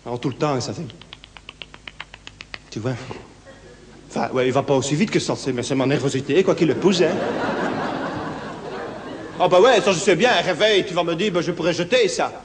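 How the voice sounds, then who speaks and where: Pausing often at a normal speed, a man with a Brussels accent performs a jittery, meandering one-man show in a theatre, leaning on local filler words. His sudden impressions of others rise in pitch. The handheld mic catches long hall reverb and a faint hum of the room.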